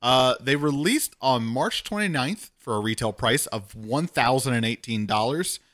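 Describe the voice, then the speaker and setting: Man, casual podcast co-host, bright forward tone, chatty and self-mocking. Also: mid-range voice, animated. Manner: chatty, self-deprecating, quick asides. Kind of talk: casual chat.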